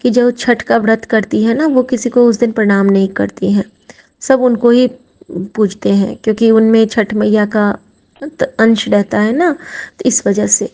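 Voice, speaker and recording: A woman's voice: fairly high pitch, fairly even intonation, a little slow, warm tone, rough recording. A middle-aged woman from Mithila, sharing a heartfelt devotional testimony and often addressing her listeners as sangat ji. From Mithila region, India.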